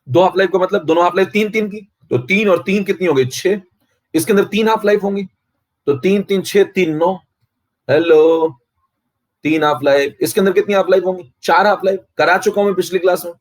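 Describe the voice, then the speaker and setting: A man's voice: high voice, quick pace. A man teaching chemistry in a live-streamed online lecture, boastful and forever checking whether his students follow. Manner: boastful, keeps asking students if they follow.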